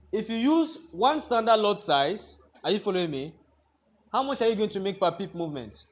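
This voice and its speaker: A man with a notably high voice leads a trading lesson in a classroom. He lectures and keeps throwing half-finished questions at the students for them to complete. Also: slight background noise. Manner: quizzing the class with fill-in-the-blank questions. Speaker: trading instructor.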